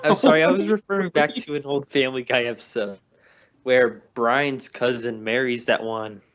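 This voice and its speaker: A male podcast co-host chatting casually about games. He rambles, jokes, and often backtracks on what he just said, in a voice of ordinary pitch. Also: normal speed, fairly bright tone. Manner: rambling, jokey, self-correcting. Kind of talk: casual chat.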